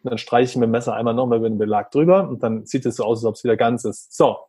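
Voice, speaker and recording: A man's voice: medium pitch, racing, dark tone, slightly rough, no echo. A man who is a father, talking earnestly about how he treats his young son and acting out their exchanges. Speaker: parent talking about parenting. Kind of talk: reflective conversational talk.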